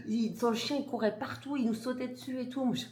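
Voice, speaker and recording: A woman's voice: on the high side, fairly even intonation, brisk, darkish tone. A mother vlogging to camera, telling a story emphatically and indignantly, with restarts and blunt words. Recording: roomy echo.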